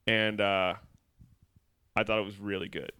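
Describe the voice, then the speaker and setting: A man co-hosts a podcast in loose, rambling chat full of fillers, laughing now and then. His voice is bright and crisp, recorded close and dry with no room sound. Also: on the low side, level tone, measured pace, no room sound. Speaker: podcast co-host. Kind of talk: casual chat.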